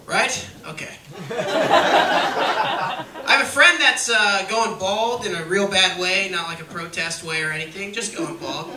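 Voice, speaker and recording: This comedian speaks in a high, unhurried voice, delivering his music hall stand-up set in a brash, punchy way and frequently engaging the audience. Sound is distant and reverberant, and the crowd is loud.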